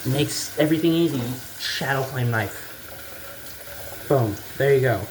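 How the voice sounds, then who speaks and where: Male gaming commentator, average pitch, unscripted and meandering, hesitant, casually sweary; noticeable hissing, water-like background noise. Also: unhurried, poor audio. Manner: casual, rambling, hesitant thinking aloud. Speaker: gaming video maker. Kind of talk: rambling unscripted game commentary.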